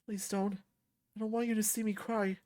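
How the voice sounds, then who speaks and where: Young male fighter near tears, read by a woman, quiet, shaky, hesitant. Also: medium pitch, little pitch movement, moderate pace, no echo, clean studio sound, natural voice. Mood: tearful. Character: guarded young man, fighter, tearful.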